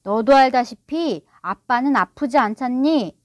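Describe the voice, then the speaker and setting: A woman's voice: fairly high pitch, animated, normal speed, no room sound, studio quality, close to an everyday voice. A woman voicing a proud, sulky middle-aged father who blusters and gets defensive. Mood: indignant.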